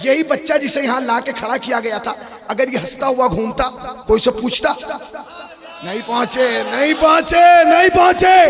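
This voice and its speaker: Brief: male cleric with a very high voice, sermon storytelling, chanting climaxes. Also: big-room sound. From North India. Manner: dramatic, rising into sung and shouted cries. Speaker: Islamic cleric. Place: shrine gathering.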